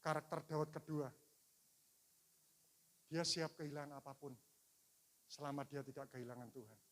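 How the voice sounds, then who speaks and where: A man's voice: on the high side, moderate pace. A middle-aged man preaching a sermon, telling a personal story. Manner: animated storytelling, voice rising and falling. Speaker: pastor.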